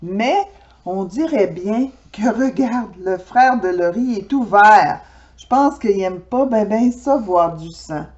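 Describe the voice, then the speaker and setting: A woman's voice: mid-range voice, dull audio. A woman reading a children's picture book aloud, talking straight to young listeners. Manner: lively, slow and expressive, talking directly to children. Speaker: storyteller. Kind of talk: children's storybook read-aloud.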